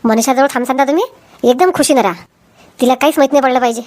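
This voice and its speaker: A woman's voice: high-pitched, very fast, crowd noise, lightly acted. A woman voicing a worried young married man in a cartoon, speaking earnestly in a Varhadi Marathi accent. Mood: protective.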